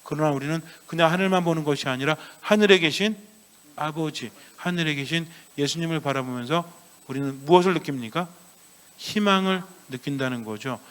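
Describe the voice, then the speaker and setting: Priest with a lively, questioning sermon voice. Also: male voice, a little high, a little fast, smooth. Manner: asks the congregation many questions and answers himself; acts out children's voices in a playful story. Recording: long church reverb.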